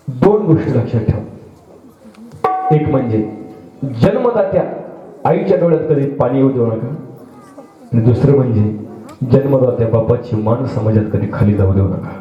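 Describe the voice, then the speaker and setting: A man preaching a devotional sermon with humor, rhyming in a sing-song and speaking directly to his listeners, heard through an echoey, dull loudspeaker from a distance. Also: mid-range voice. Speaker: kirtan preacher. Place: public religious gathering over loudspeakers. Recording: echoey, dull PA sound from far off.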